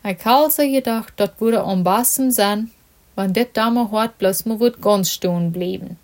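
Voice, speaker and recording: A woman's voice: mid-range voice, measured pace, natural voice. A woman reading as a discouraged young footballer. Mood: resigned.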